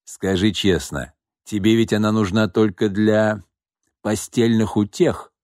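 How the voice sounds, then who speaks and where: A man's voice: fairly low pitch, animated, normal speed, darkish tone, no room sound, studio quality, lightly acted. A man reading a story and voicing a domineering, scheming older father who talks bluntly and mockingly. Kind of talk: audiobook reading.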